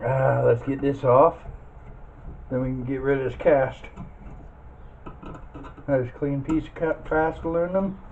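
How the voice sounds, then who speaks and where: This scrap metal hobbyist talks through a hands-on teardown tutorial, plainspoken and folksy, muttering to himself as he goes. His mid-range voice has vocal fry, fairly even intonation and a measured pace, with frequent pauses. The audio is muffled and phone-like, with loud background noise.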